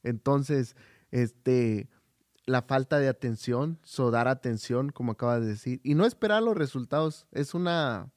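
A man's voice: medium pitch, measured pace, dry recording, studio quality. A man co-hosting a podcast in casual chat, hesitant with frequent fillers and restarts, telling personal stories. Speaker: podcast co-host.

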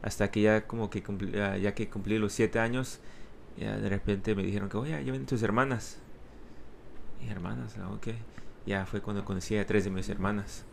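Low, gravelly man. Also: flat delivery, slight background noise. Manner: halting, repeats and restarts words, code-switches into Spanglish. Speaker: interview guest. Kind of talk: casual personal storytelling.

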